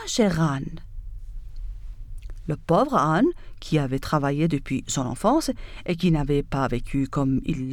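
A woman narrating a fable in a measured, expressive storytelling manner. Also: mid-range voice, no echo, studio quality.

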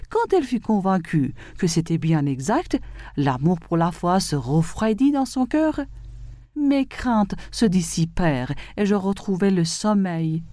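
A woman's voice: on the low side, warm tone, dry recording. A woman voicing a grateful father who earnestly recounts his story.

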